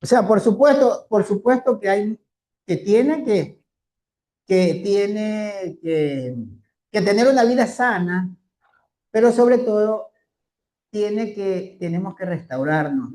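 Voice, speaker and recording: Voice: medium pitch, expressive, mellow. A Torah teacher leading a scripture class, often putting questions to the listeners and stretching out key phrases. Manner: asks the class rhetorical questions; slow, drawn-out emphasis on key phrases. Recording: roomy echo.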